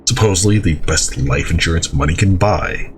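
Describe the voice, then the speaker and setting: A man's voice: sits low, moderate pace, a little hiss or hum, close to an everyday voice. An actor playing a self-assured big-time gangster fixer in a video game, speaking in a sly, grandiose way and savoring his words. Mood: sly, pleased.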